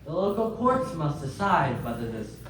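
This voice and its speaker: Pompous magistrate, high voice, scornful, echoey distant sound. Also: male voice, very animated, normal speed, fairly bright tone. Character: haughty arrogant male noble magistrate. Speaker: actor. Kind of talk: radio drama acting. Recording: echoey, distant, faint noise.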